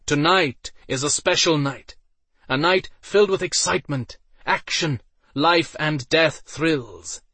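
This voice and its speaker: A man voicing a flamboyant male arena master who hypes the crowd in a booming, theatrical voice. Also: slow pace, pushed and bright, breathy edge, no echo, full character voice. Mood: hyped. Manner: booming, theatrical announcer cries.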